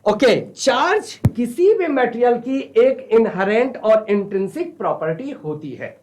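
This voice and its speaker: A man's voice: very high voice, expressive, a little slow, a little mellow. A male physics teacher giving a studio lecture for a virtual classroom, who asks the class a question and answers it himself. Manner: asks questions and answers them himself, calls students "children". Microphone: studio mic.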